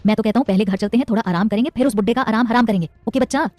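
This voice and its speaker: A woman's voice: fairly high pitch, racing, a little mellow, no echo, soft background music, close to an everyday voice. A woman voicing a playful young man who teases his friend. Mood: tired. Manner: teasing, playful. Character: joking young man, loyal teasing friend.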